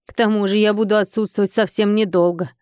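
A woman's voice: mid-range voice, fairly even intonation, quick pace, darkish tone, clean tone, dry recording, studio quality, natural voice. A woman voicing an earnest, emotional middle-aged woman innkeeper in an audiobook. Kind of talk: audiobook character reading.

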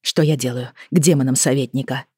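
A woman narrating a first-person fantasy audiobook with an expressive reading. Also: extremely low pitch, brisk, breathy edge, no echo, studio quality.

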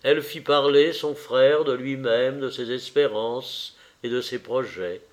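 A man reading a classic novel aloud as an audiobook narrator, measured and deliberate. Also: medium pitch. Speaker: audiobook reader. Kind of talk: slow literary narration.

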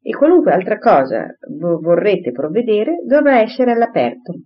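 A woman's voice: mid-range voice, sing-song, normal speed, voice pushed up, natural voice. A woman reading an audiobook, voicing a pompous, bossy married lady who gushes and insists, in a dull lo-fi recording. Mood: chatty, insistent. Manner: gushing, insistent, talks over others.

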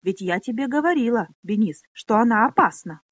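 A woman voicing a spiteful, shrill young noble girl who sneers and squeals. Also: big pitch swings, moderate pace, no room sound. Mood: shrill sneering.

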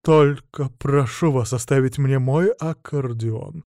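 A man voicing a timid male bard in an audiobook, talking slowly and pleadingly. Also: medium pitch, vocal fry, dark tone, no echo, clean studio sound. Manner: slow, pleading.

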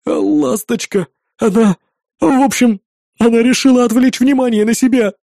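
A man's voice: very high voice, gravelly, dark tone, no room sound, clean studio sound, pitched above the performer's own voice. Man doing a panicked sidekick near tears. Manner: rushed, broken, halting sentences. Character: frightened young male sidekick near tears.

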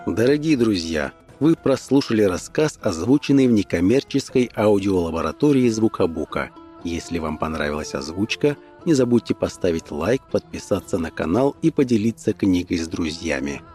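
A man narrating an adventure story in a measured, even storytelling manner. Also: low voice, soft background music. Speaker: audiobook narrator. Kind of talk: scripted audiobook narration.

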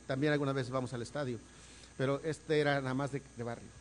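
A man preaching a sermon as pastor, swinging from quiet asides to loud, emphatic calls and repeating words for emphasis. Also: medium pitch, fairly even intonation, fast, a little hiss or hum.

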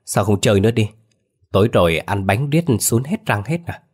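A man voicing an easygoing old village grandfather, speaking in a relaxed, offhand way. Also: on the low side, normal speed, husky.

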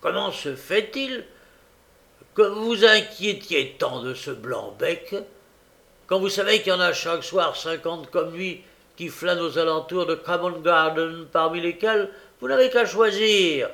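A brutal, threatening burglar who blusters and menaces, as a male reader acts him out in an audiobook. The voice is loud and gravelly, slow and heavy. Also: on the high side, voice pushed up, heavily acted. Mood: scowling, suspicious. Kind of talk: audiobook character reading.

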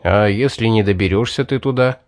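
A man's voice: on the low side, a little fast, no room sound, clean studio sound, lightly acted. A man voicing a worried male village elder in an audiobook, anxious and sighing.

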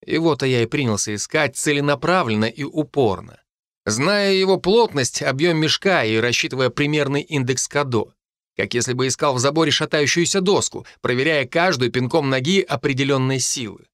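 A man reading a first-person novel aloud as an audiobook narrator, in an even, measured storytelling manner. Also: medium pitch, no echo, clean studio sound.

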